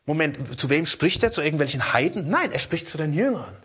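A man preaches a sermon in a lively manner, frequently checking in with his listeners and repeating words while he searches for the next one. His voice is a little high and brisk with a breathy edge, and the audio sounds dull.

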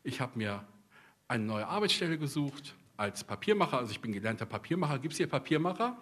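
A middle-aged pastor from East Westphalia delivers a sermon in a husky, breathy voice at a middling pitch. He talks to the congregation like a friend, drifting into personal anecdotes and wry jokes. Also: sing-song, a little fast, fairly bright tone. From East Westphalia, Germany. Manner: personal storytelling with humorous asides; conversational, addresses the congregation directly.

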